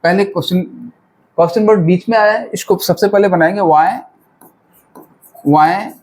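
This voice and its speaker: A man's voice: sits high, normal speed, a little mellow. A male grammar teacher, giving a classroom-style lesson. He repeats each phrase and keeps quizzing his pupils as children.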